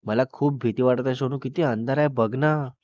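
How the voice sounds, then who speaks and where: Man voicing a young woman, anxious, pleading, clingy, raised pitch, dry slightly muffled recording. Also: steady tone, fairly quick, a little mellow, dry recording, close to an everyday voice. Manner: pleading, repeats "please".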